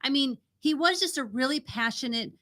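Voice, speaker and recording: A woman's voice: sits high, animated, moderate pace, a bit bright. A woman co-hosting a podcast in a casual, conversational style. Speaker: podcast co-host. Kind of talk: casual chat.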